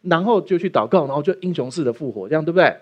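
A man's voice: a little high, animated, very fast, lo-fi sound. A man preaching a sermon as pastor, opening with a prayer and joking with the congregation. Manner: playful, jokey preaching with acted asides.

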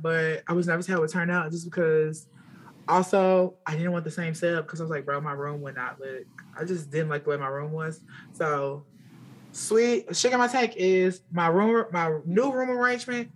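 Twenties woman co-host, relaxed and chatty, lowish pitch, light room noise behind. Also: a little fast. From American South. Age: 20s. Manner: laid-back, chatty, filler-heavy. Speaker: podcast co-host. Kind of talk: casual chat. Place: bedroom, remote recording.

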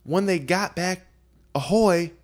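A man's voice: sits high, takes it slowly. A man co-hosting a podcast in casual chat, rambling as he retells scenes with fillers. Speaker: podcast co-host.

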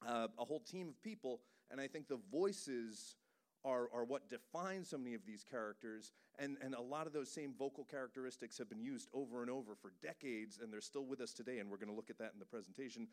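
A man's voice: medium pitch, fast talker. A man who works as a voice director, giving an enthusiastic, joking pop-culture talk to a live audience. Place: cinema, live event.

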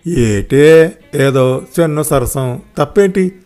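A man voicing a lecherous middle-aged uncle who talks slowly and wheedles. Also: high-pitched, animated, warm tone, faint music behind. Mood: wheedling. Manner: slow, wheedling.

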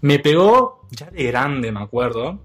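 A young man with an Argentine accent telling a story in casual chat, animated and quick to laugh. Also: medium pitch. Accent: Argentine Spanish. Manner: animated, laughs often, acts out quotes.

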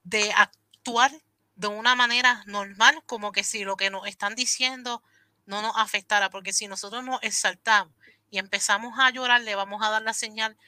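A woman's voice: mid-range voice, fairly even intonation, moderate pace, pushed and bright, dry recording. A woman explaining earnestly in a casual conversation, often rephrasing herself.

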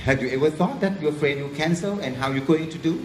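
A man with a telling stories in English at a business seminar, pausing for an interpreter and acting out phone calls with exclamations. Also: a little high, slight background noise. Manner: animated storytelling, acts out phone calls and exclamations. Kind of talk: speaking English through an interpreter. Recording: echoey hall with faint ambience.

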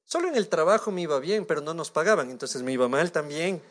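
A man with an Ecuadorian Spanish accent delivers a sermon in a noticeably high voice. He preaches in a lively, animated way, breaking into little acted-out conversations with God. He sounds like a pastor in his thirties. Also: fast. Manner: animated, acts out imagined dialogues with God.

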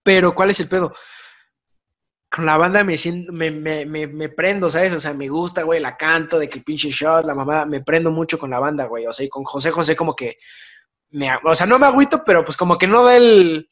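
Young man, Mexican accent, slangy, animated, fairly high voice, podcast host. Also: fairly quick. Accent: Mexican Spanish. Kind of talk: casual chat.

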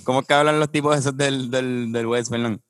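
A man's voice: mid-range voice, fairly even intonation, quick pace, no echo. Man, joking, casual chat, dry close sound. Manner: joking, tries exaggerated American accents. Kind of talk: casual chat among friends.

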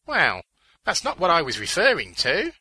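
A man voicing a sardonic, resourceful male clown with a dry, deadpan delivery. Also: fairly high pitch, normal speed, breathy edge, no echo, voice pushed up, heavily acted. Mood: wry.

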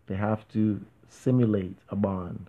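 Low-voiced man debating on a tinny line. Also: steady tone, unhurried. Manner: rambling, argumentative, many asides like "you know what I mean". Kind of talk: casual conversation. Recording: tinny phone-like audio.

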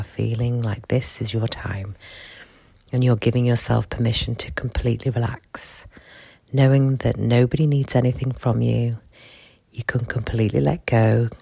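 A very slow, gravelly murmur spoken close and intimately into the microphone. The voice guides a sleep relaxation in a soothing, repetitive way, often dropping toward a whisper. The sound is dry and near. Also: mid-range voice, a little mellow, no room sound.

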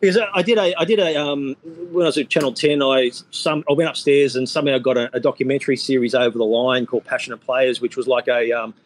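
A man's voice: medium pitch, steady tone, fast, few pauses, low-quality recording. A man, a sports journalist guest, telling stories in casual chat, rambling with many fillers and restarts. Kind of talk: casual podcast chat, storytelling.

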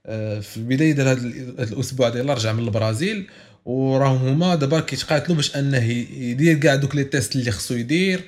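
A man's voice: mid-range voice, racing. A man with a Moroccan accent hosting a casual football podcast, talkative and insistent, slipping in French words. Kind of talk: casual sports podcast chat mixing in French.

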